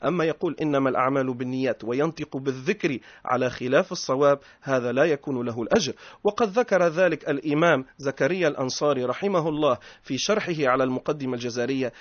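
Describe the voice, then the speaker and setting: A man with a Tunisian accent, a sheikh giving a religious lesson, drawing out key phrases slowly and switching between classical and dialect speech. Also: medium pitch, dry recording, muffled recording. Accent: Tunisian Arabic. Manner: slow, emphatic recitation of phrases, mixing classical and dialect.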